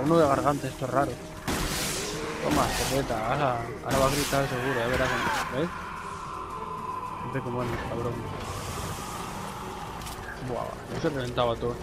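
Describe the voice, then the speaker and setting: A man's voice: medium pitch, normal speed, long pauses, poor audio. Swearing Spanish man commentating a game. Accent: Spain Spanish. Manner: swears often, excitable exclamations. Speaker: gameplay commentator. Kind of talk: casual gameplay commentary. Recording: game music behind voice.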